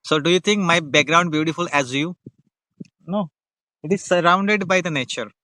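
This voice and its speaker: Indian-accented man with a bright, dry voice. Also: on the high side, normal speed, no room sound. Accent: Indian English. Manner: friendly, repeats his questions, teasing. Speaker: conversation practice host. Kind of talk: casual video call chat. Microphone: video call.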